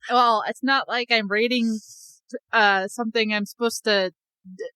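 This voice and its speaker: A woman's voice: a little high, steady tone, a little slow, sharp tone, smooth, no room sound. A woman co-hosting a podcast, answering a spooky scenario with wry, joking pushback. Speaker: podcast co-host. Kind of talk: casual chat.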